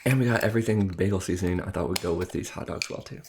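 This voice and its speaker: In a home eating video, a mukbang host with a low voice chats casually and jokes in rambling asides while eating on camera. He talks fast against a noisy background.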